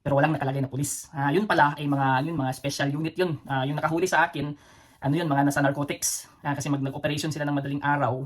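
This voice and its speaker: A man's voice: fairly high pitch, steady tone, fast. A man from the Philippines with a Cebuano accent, hosting a casual storytelling vlog. He rambles, with many fillers and restarts, and chuckles between phrases. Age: adult, former soldier with children. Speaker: vlog host.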